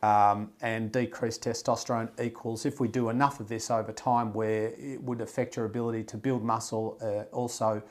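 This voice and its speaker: A man's voice: fairly low pitch, normal speed, few pauses. A man hosting a podcast, talking bluntly and emphatically, swearing freely. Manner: restarts and fillers, animated delivery. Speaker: podcast host. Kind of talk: casual podcast conversation.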